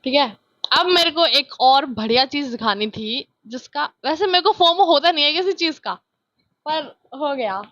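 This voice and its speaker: Young woman, high childlike voice, chatty and self-mocking, dry dull phone sound. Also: expressive, normal speed, a bit bright, no echo. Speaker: vlogger. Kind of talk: casual vlog chat. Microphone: phone on tripod.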